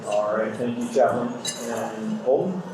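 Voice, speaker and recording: A man's voice: medium pitch, steady tone, a little slow, crowd noise. A man speaking at a podium microphone as emcee of a civic event, steadily announcing names and partners in a formal way. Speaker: chamber of commerce president and event emcee. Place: large indoor event hall. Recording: echoey hall PA sound.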